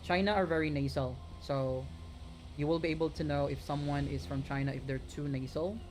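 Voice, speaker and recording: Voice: medium pitch, fairly even intonation, brisk, darkish tone, a little hiss or hum. Chatty streamer from the Philippines. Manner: chatty, rambling with many restarts, talks straight to viewers. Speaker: gaming streamer. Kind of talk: casual live-stream chat answering viewers.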